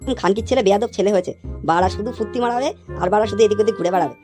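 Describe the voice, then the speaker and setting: A woman voicing a crude, hot-tempered father in a cartoon, who swears constantly and yells threats at his son. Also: mid-range voice, racing, over loud music, natural voice. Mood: furious. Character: crude hot-tempered middle-aged father, foul-mouthed. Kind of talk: cartoon voice acting.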